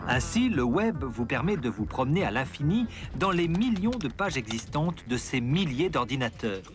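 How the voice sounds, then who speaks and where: A man reading scripted documentary narration in a measured, explanatory way. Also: mid-range voice, sing-song. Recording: voice-over with music bed.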